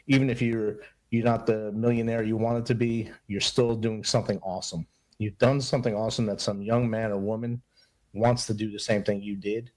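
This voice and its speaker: In a casual podcast interview, a middle-aged man who is an Army veteran and mentor sounds earnest, upbeat and motivational. His voice is lowish with a darkish tone.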